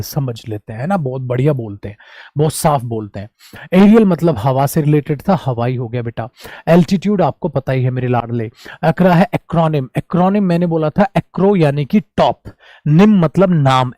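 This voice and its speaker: A man teaching a quick vocabulary revision lesson, calling his students "my child" and "my brother". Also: on the high side, warm tone, no room sound, studio quality.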